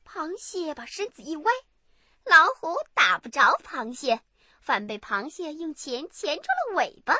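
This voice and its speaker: A woman narrating a bedtime story for children in an expressive, animated way. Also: high voice, a little slow, dry recording.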